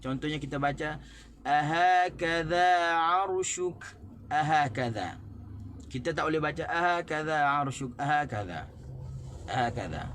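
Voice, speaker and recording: A man with a Malaysian Malay accent teaching a recorded Quran recitation class, explaining word stress and then slowly chanting verses to demonstrate it, with frequent fillers and self-corrections. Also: a little high, fairly bright tone, slight background noise. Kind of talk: recorded online tajwid class.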